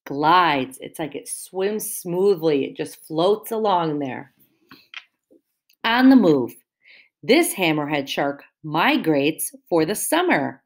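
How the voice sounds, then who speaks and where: With a low voice, a female teacher shares a picture book with young kids, pausing to ask them questions and explain unfamiliar words. She talks slowly and patiently, her pitch swooping in a lively, sing-song way.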